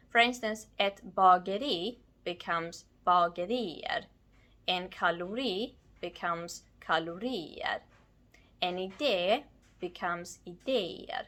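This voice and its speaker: A woman giving a scripted language lesson, explaining slowly and carefully while ill and low on energy. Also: a bit bright. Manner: slow, careful explanation with words spelled out. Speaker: language teacher.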